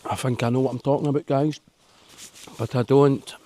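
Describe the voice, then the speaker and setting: A man's voice: medium pitch, steady tone, normal speed, warm tone, a little hiss or hum. A Scottish man chatting casually to viewers while fishing outdoors in a forest by a loch, laughing often. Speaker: vlogger.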